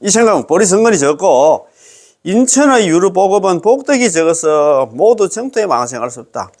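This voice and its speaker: A man's voice: sits high, big pitch swings, normal speed, a little mellow. A man with a Gyeongsang accent giving a chatty Buddhist dharma lecture, exclaiming and laughing often as he explains a sutra. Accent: Gyeongsang Korean.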